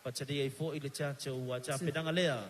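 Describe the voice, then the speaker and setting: Talking fast in a medium-pitched voice, a Samoan-accented master of ceremonies works the crowd at a live evening stage show. Holding a handheld mic, he calls out energetically and moves back and forth between Samoan and English.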